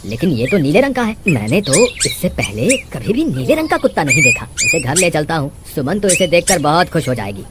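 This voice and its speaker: Earnest, kindly yet firm male farmer for animated folk tale, voiced by a woman; lively intonation. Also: sits low, a little fast, hardly any pauses, heavy background noise, voice pushed down. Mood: pleased, kindly. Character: kindly but firm village farmer, a man. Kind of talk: animated storybook dialogue.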